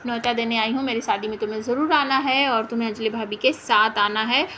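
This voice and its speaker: A woman's voice: fairly high pitch, fairly even intonation, fairly quick, bright, forceful tone, slight background noise. A woman reading the lines of a young bride-to-be who insistently pleads and invites.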